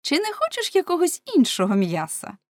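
A woman doing a pious young tavern maid, high and earnest. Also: huge pitch swings, a little fast, a little mellow, no echo, clean studio sound.

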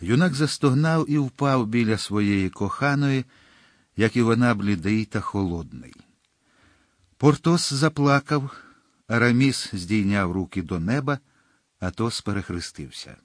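A man narrating a classic adventure novel as an audiobook, with a measured, dramatic reading. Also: on the low side, animated, no echo, studio quality.

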